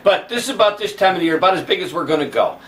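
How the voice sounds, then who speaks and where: A fishing show host chats casually and explains step by step while showing off lures. His high-pitched, slightly bright voice is animated and very fast, picked up from a distance with faint background noise.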